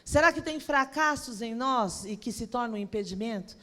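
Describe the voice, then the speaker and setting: A woman pastor, telling a personal story in an animated sermon that swings from soft to loud. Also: fairly high pitch, normal speed. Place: large church auditorium, on stage. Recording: long reverb of a large hall.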